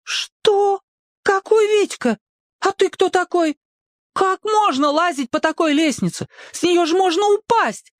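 Very high squealy storybook mom, scared and bossy, dry close sound. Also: lively intonation, a little slow, no echo. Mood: panicked. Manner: shrill, panicked scolding. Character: frightened strict mother, shrill and scolding.

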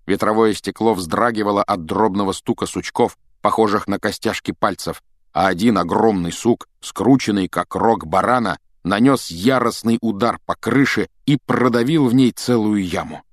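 A male narrator with a low voice reads an adventure story with dramatic, expressive pacing. The recording is dry and close, with no room sound. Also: moderate pace, no room sound. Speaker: audiobook narrator. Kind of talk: expressive audiobook reading.

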